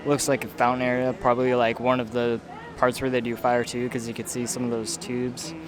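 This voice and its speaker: Man giving upbeat theme-park commentary, loud crowd. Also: medium pitch, completely flat delivery, a little fast. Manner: explanatory, tour-guide commentary. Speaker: vlog host. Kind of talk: casual vlog chat. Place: outdoors at a busy theme park. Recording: loud crowd noise outdoors.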